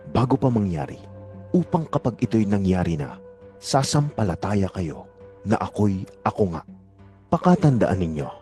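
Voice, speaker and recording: An actor playing Jesus as a solemn, authoritative teacher in an audio Bible drama, speaking earnestly and deliberately. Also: male voice, fairly low pitch, mellow. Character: Jesus, solemn, authoritative male teacher addressing his disciples.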